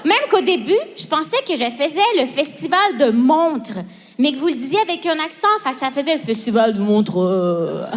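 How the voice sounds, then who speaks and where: A woman with a Québécois accent chats through an interview as a stand-up comedian. Her voice sits a little high. She talks quickly, with plenty of fillers and bursts of laughter. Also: very animated, a little hiss or hum. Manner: fast, chatty, frequent fillers and laughter. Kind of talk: casual interview chat.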